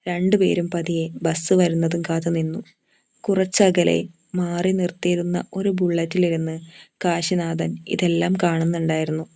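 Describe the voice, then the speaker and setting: A woman narrating a romance story in a measured, even reading style. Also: fairly low pitch, creaky.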